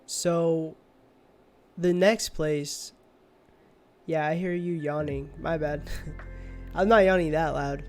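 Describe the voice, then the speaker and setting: Tired young guy streaming, rambly, kinda high voice, a little music behind. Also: steady tone, slow, long pauses. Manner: rambling, drowsy, trailing off. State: sleepy. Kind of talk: casual livestream chat. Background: faint music.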